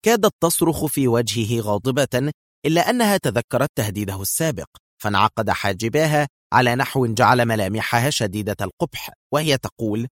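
A man narrating a thriller audiobook in a steady, expressive reading. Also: mid-range voice, no echo, studio quality.

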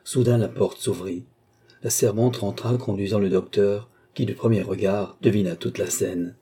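A man narrating a classic novel as an audiobook in a steady literary reading. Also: on the low side, moderate pace, breathy edge. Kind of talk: scripted narration.

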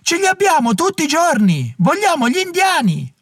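A rowdy male heckler yelling from the gallery in a storybook reading, voiced by a male narrator. The voice is strained and very high, shouted out as if from far back in the crowd. The recording itself stays close and dry. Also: wildly swooping pitch, normal speed, dry recording, full character voice. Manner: shouting, jeering.

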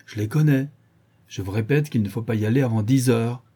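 A man's voice: medium pitch, brisk, mellow, slightly rough, close to an everyday voice. A man reading the part of a stubborn, bold young nobleman in disguise in an audiobook, firm and insistent.

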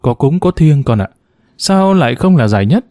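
A man's voice: fairly high pitch, sing-song, normal speed, warm tone, no room sound, clean studio sound. A man reading a story and voicing a stern, self-important middle-aged woman who scolds in a proper tone. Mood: pleased.

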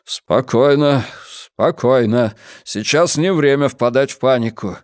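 A man's voice: mid-range voice, lively intonation, clear, resonant tone, dry recording, studio quality, close to an everyday voice. A man doing a cold ruthless police chief. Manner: firm and slow.

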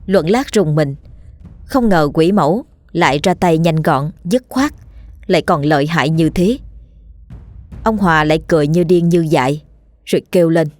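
Low-voiced woman narrating a ghost story. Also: moderate pace, pauses often, dry recording. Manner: steady, vivid storytelling. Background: faint background music.

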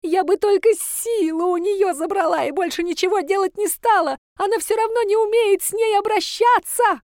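A woman's voice: moderate pace, darkish tone, dry recording, clean studio sound. A woman voicing a tearful, scheming old woman who whines and screeches. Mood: shrieking. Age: older. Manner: shrill, whining, screeching. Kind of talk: audiobook character voice.

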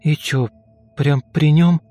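A man voicing a sulky, rude young woman who talks in a snappish, slangy way and turns shrill when upset. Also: fairly even intonation, slow, dark tone, faint music behind.

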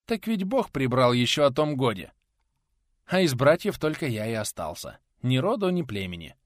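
A man voicing a tall bearded monk, a humble, quiet man who speaks modestly. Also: medium pitch, sing-song, normal speed, no echo, studio quality, lightly acted. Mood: sorrowful.

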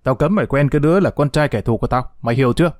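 A man's voice: mid-range voice, very fast, no echo, clean studio sound, lightly acted. A man reading an audio story, voicing an angry older father who scolds his daughter. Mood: furious. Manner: shouting, scolding. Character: angry older father, hot-tempered and harsh.

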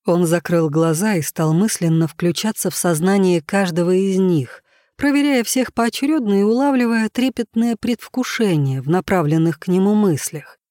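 A man narrating an audiobook in a steady, even reading voice. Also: high-pitched, dry recording, studio quality. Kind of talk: scripted narration.

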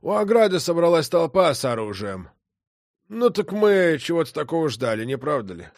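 A man voicing a cold, sardonic nobleman with smooth irony. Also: a little high, very animated, moderate pace, no echo, clean studio sound, pitched above the performer's own voice.

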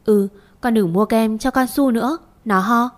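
A woman reading a brisk older mother-in-law. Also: a little high, natural voice. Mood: matter-of-fact.

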